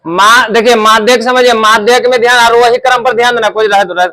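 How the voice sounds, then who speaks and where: Male math teacher, Bihari Hindi accent, high voice, drills and scolds pupils in class. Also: fairly even intonation, brisk, sharp tone. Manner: scolding, drills pupils with call-and-response questions.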